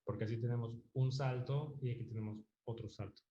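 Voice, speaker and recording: A man's voice: medium pitch, steady tone, fairly quick, mellow. A man teaching a music theory class online, explaining patiently and checking in with frequent tag questions while thinking aloud with fillers. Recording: dull, roomy lo-fi sound.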